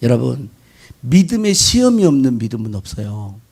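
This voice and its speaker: A male pastor delivering an animated sermon, firing rhetorical questions at the congregation and mimicking worshippers' prayers. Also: mid-range voice, moderate pace, vocal fry, breathy edge.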